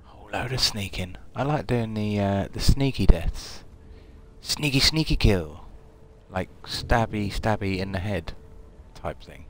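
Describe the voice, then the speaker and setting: A man's voice: on the low side, measured pace, a bit bright, slight background noise. A young British man commentating a horror game live, swearing often and dropping to a half-whisper while he sneaks. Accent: British English. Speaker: live-stream gamer.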